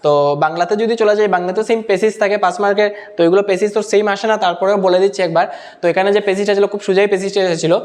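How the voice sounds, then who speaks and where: Going answer by answer through a teacher-exam paper, a man reads each English question slowly, word by word, and then explains it in Bengali peppered with English terms. His voice is high-pitched, steady in tone, and a little mellow.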